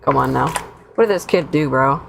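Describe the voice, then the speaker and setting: A woman's voice: rumbling low, brisk, vocal fry, background noise. A woman streamer giving casual, wisecracking live commentary while reacting to a video. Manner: wisecracking, incredulous, slangy.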